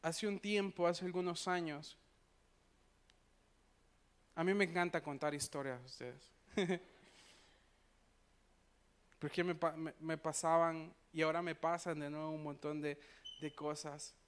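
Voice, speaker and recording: A man's voice: a little high, steady tone, a little slow, long pauses, clean tone. A man preaching to a church, telling personal stories. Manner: anecdotal, conversational, frequent tag questions. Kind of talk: sermon storytelling.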